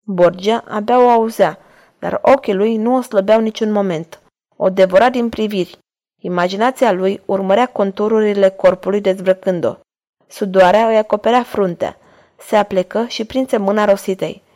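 A woman narrating a novel in a steady, measured reading voice. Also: medium pitch. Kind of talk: audiobook narration.

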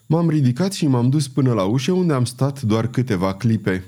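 A man voicing an anxious, earnest young male monk in an audiobook reading, speaking in a hurried, distressed way. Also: mid-range voice, animated, warm tone, close to an everyday voice.

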